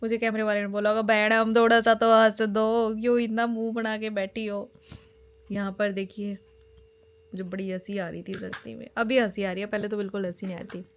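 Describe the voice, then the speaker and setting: Woman in her thirties, mid-pitched, lively casual vlog narration. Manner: chatty, animated storytelling. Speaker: family vlogger. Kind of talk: casual chat while showing wedding album.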